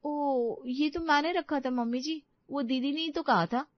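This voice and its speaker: A woman's voice: high voice, a little slow, dry recording, voice pushed up. A woman doing a cheeky young bride. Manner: teasing, sing-song. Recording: dull lo-fi dry recording.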